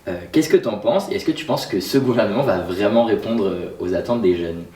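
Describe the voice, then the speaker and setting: A man conducts an interview in a relaxed, informal manner with a lowish voice. He sounds distant from the mic. The room around him is echoey. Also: a little fast. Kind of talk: casual interview questions.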